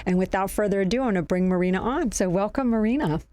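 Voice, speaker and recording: A woman's voice: mid-range voice, quick pace, warm tone, no room sound. A woman host opens a health interview show. Her voice sits in a middle register. She gushes over her guest with a lot of enthusiasm. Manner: effusive, gushing. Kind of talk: casual interview.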